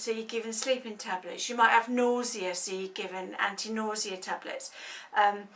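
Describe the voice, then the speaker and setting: A woman in her thirties, working as a health advocate, explains an illness in an informal, earnest, conversational way, with lots of ums and hesitations. Her voice is a little high and somewhat bright, and it was recorded from a distance.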